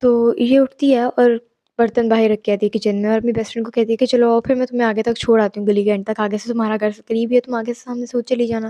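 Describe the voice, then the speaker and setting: A woman's voice: on the high side, dark tone, dry recording. A young woman casually telling a horror story, chatty and mixing in English asides. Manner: chatty, mixes English asides, exclaims at the listener.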